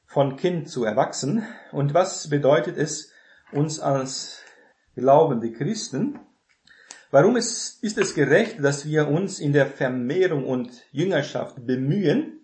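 A man's voice: on the high side, darkish tone, roomy sound. A man giving a sermon as a Bible teacher, emphatic and repetitive, often dropping in a questioning "ne". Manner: emphatic, repeats key phrases, frequent filler "ne".

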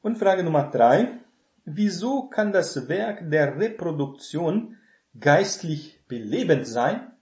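A man's voice: a little high, very animated, slow pace, darkish tone, roomy sound. A man giving a sermon as a Bible teacher, emphatic and repetitive, often dropping in a questioning "ne". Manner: emphatic, repeats key phrases, frequent filler "ne".

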